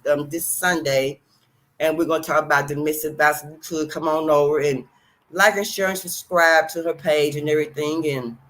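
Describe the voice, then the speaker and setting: A woman's voice: deep voice, fairly bright tone, rough recording. A woman hosting her own channel, chatting casually to viewers in a rambling, repetitive way and calling them "y'all". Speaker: channel host. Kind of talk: casual livestream talk.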